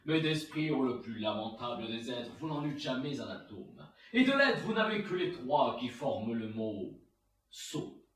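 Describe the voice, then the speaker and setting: A man's voice: mid-range voice, big pitch swings, unhurried, fairly bright tone. A man playing a proud, witty, mocking swashbuckling poet, delivering a theatrical verse monologue like a hammy stage actor. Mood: scornful, proud. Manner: hammy, declamatory stage acting. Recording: roomy, echoing, far from the mic.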